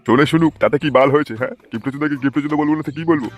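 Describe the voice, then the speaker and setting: A man's voice: a little high, very fast, faint music behind, natural voice. A man doing a grumpy foul-mouthed old father-in-law. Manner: cursing, grumbling, complaining.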